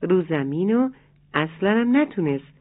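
A storyteller narrating a bedtime story for children in a soft, tender way, calling the listeners dear ones. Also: medium pitch, sing-song. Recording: tinny phone-like lo-fi sound.

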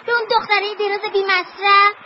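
A woman's voice: very high-pitched, level tone. A woman voicing a pouty, indignant little girl in a dubbed film. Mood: sulky. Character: sulky jealous little girl. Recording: dull lo-fi audio with audible hiss.

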